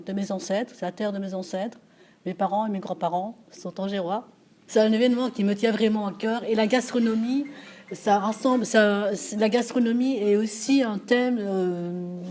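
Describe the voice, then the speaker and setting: Belgian-born woman, events agency director, interview answers; mellow voice, hesitant, repeats words. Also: medium pitch, a little hiss or hum. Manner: halting, with frequent fillers and repeated words.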